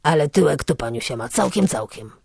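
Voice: medium pitch, lively intonation, a little fast, vocal fry, darkish tone, breathy edge, no echo, studio quality. A narrator voicing a grubby, gap-toothed male bottle collector who talks in a coarse, cheeky, overly familiar way. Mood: leering.

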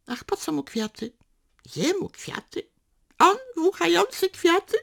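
A woman's voice: on the low side, slightly rough. A woman reading a novel passage aloud with dramatic swings into the characters' thoughts, then talking it over.

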